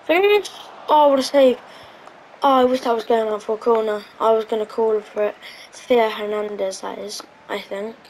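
A woman's voice: mid-range voice, flat delivery, moderate pace, slight background noise, poor audio. A woman giving casual, hesitant commentary on her own gameplay, thinking aloud with lots of ums. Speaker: gaming channel host.

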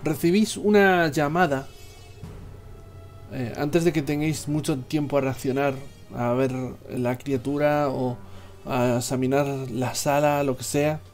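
A young man with an accent from Spain, improvising narration as game master in a halting way. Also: fairly high pitch, steady tone, soft background music. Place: small indoor room at home.

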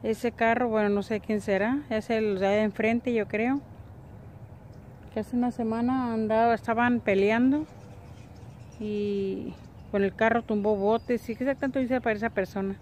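A middle-aged woman with a Mexican accent talks in a slightly high voice, in the loose, colloquial way of a home vlogger. She narrates everyday life into a handheld phone, with ambient noise around her. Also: fairly even intonation, unhurried, a little mellow. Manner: colloquial, chatty. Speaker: family vlogger. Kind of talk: casual narration to camera while doing daily errands. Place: at home, indoors and in front yard. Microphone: phone at arm's length.

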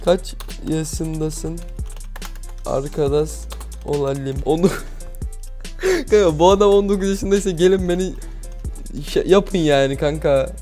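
A young man with a slightly high voice talks through his game in an excitable, jittery way, swearing and breaking into nervous laughs. Keyboard typing clicks under his talk, and faint music plays behind. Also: unhurried, long pauses. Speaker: gaming YouTuber. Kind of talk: casual gameplay commentary.

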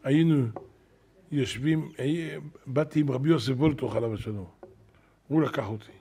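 An older man, a rabbi, telling wonder stories in a sermon at a synagogue, animated, acting out what people said. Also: medium pitch, slightly rough. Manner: animated storyteller, acting out quoted shouts. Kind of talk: storytelling sermon.

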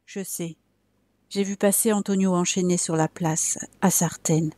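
A woman voicing a stern father in a storybook tale who gives quiet, grim orders. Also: on the low side, steady tone, a little slow, no room sound, lightly acted.

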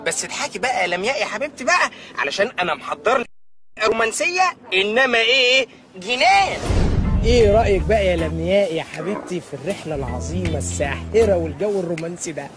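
A bookish young history teacher with an Egyptian accent, lecturing at a rapid clip. His voice swoops up and down with lively pitch, and he turns coaxing and pleading with his sweetheart. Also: over music. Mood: enthusiastic. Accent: Egyptian Arabic.

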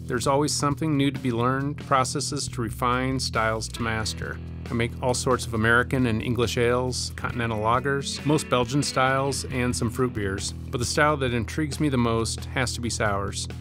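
Man, 40s, home brewer; measured scripted narration over guitar music. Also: medium pitch, fairly even intonation.

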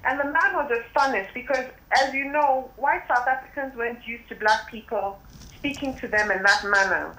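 Phone-in guest, female, high-ish, impassioned delivery, echoey phone-line audio. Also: normal speed, pushed and bright. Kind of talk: phone-in commentary. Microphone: telephone.

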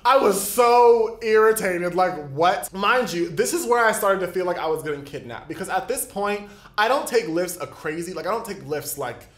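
Young male vlogger, animated and exasperated, high voice, roomy echo. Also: normal speed. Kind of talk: storytime vlog. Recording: echoey room.

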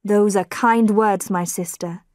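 A woman's voice: mid-range voice, fairly even intonation, darkish tone, no room sound, clean studio sound, close to an everyday voice. Woman voicing a worried male reverend. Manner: slow, careful reading.

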